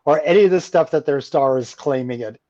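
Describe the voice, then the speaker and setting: A man's voice: medium pitch, a little fast, dry recording, muffled recording. A man who is a guest author in a radio interview, talking animatedly and acting out the voices of people he quotes. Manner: animated, acts out quoted voices while telling stories.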